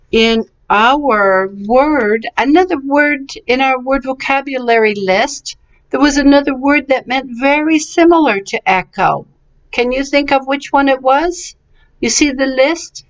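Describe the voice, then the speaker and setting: A woman teaching English vocabulary, patiently and encouragingly sounding out words syllable by syllable. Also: high voice. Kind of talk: slow, clearly enunciated vocabulary and pronunciation lesson. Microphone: webcam. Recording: slightly dull, lo-fi webcam recording.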